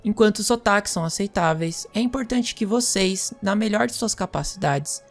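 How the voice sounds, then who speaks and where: A woman playing a magic teacher, lecturing students in a measured, explanatory way. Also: medium pitch, soft background music. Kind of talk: scripted role-play lecture.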